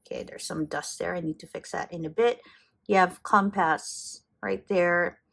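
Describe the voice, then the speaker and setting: A woman's voice: fairly low pitch, fairly even intonation, moderate pace, vocal fry, fairly bright tone, husky. A middle-aged woman with a Filipino accent, chatting enthusiastically as she shows off her fountain pen collection, often correcting herself. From Philippines. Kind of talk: casual show-and-tell.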